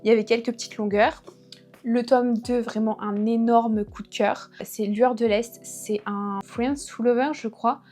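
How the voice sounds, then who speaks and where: A woman's voice: on the high side, fairly even intonation, unhurried, dark tone, soft background music. Chatty French-speaking young woman reviewing books. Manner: chatty, frequent fillers and restarts. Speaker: book vlogger. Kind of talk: casual book review chat.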